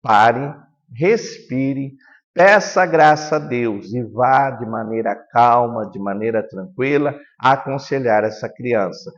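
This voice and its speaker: A man, a pastor giving a calm, earnest teaching lesson that often sinks to a soft, low tone. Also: slow, big-room sound, dull audio. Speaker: pastor teaching children's ministry workers.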